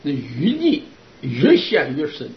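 A man delivers a Buddhist sermon to his students in a high, animated voice, his pitch leaping up and down as he tells stories. He keeps asking rhetorical questions and answering them. The sound is muffled and lo-fi. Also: slow, a little hiss or hum. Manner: lively storytelling with rhetorical questions. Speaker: Buddhist Dharma teacher. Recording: dull lo-fi recording.

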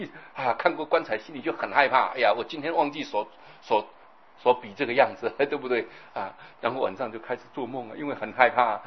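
A man giving a Buddhist sermon, telling lively stories, acting out scenes and often checking in with his listeners. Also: medium pitch, slightly rough, muffled recording. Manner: animated storytelling, acts out scenes, keeps asking the audience "right?". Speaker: Buddhist preacher.

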